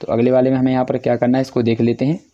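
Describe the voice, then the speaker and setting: A man's voice: mid-range voice, monotone, very fast, mellow, highs cut off. A man acting as teacher, walking through textbook answers step by step and repeating filler phrases as he goes. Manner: repetitive, fills with "yahan par". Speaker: teacher solving textbook exercises.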